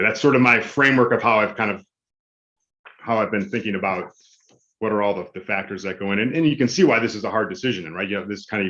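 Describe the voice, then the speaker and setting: A man's voice: low-pitched, fairly bright tone. A man giving unscripted remarks as a board member at a public meeting, thinking aloud with hesitant phrasing. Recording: slightly dull, lo-fi meeting audio.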